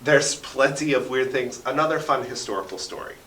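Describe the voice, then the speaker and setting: A man with a medium-pitched, slightly fast, pushed and bright voice talks casually as an interview guest, explaining things and often checking in with "right?". He writes radio drama and performs sound effects, and he's speaking in a radio station studio. There's slight background noise, roomy studio echo, and a distant mic.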